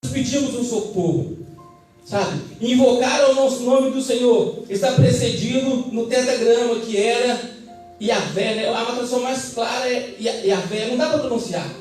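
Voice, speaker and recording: A man's voice: extremely high pitch, moderate pace, a little mellow, soft background music. A man with a Brazilian Portuguese accent preaching a fervent sermon and calling for amens from the congregation. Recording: echoey church hall, mic at a distance.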